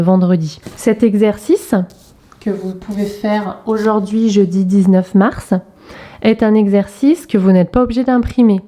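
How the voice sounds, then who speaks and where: Mellow and mid-range, this woman's voice belongs to a primary school teacher recording a remote lesson. She steers young pupils through an exercise, carefully and slowly spelling out letters and sounds.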